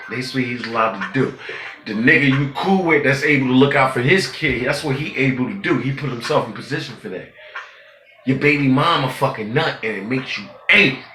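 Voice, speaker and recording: A man giving a profane, preachy street-talk monologue, swinging between loud outbursts and low muttering. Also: a little fast, a little hiss or hum. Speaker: vlogger. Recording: roomy, with music playing behind.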